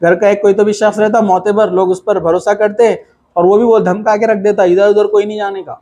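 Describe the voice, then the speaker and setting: A man's voice: sits high, level tone, mellow. A man giving a conversational religious talk, asking rhetorical questions and mixing in English words. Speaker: Islamic speaker.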